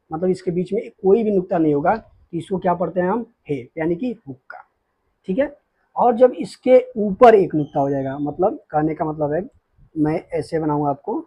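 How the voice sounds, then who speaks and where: A man teaching beginners the Urdu alphabet, patiently explaining each letter and often checking with a quick "okay". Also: high voice, mellow, slightly rough, low-quality recording. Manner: slows down to spell out letters.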